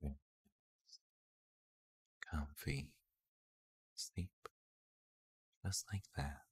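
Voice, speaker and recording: A person softly whispering a slow, soothing sleep talk-down, with small quiet laughs now and then. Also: extremely low pitch, breathy edge, no echo. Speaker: ASMR sleep guide.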